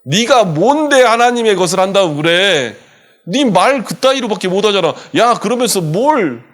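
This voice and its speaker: A man's voice: high-pitched, expressive, moderate pace, a bit bright, pitched above the performer's own voice. A male pastor voicing a sneering male devil who mocks and taunts people with scorn. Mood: scornful.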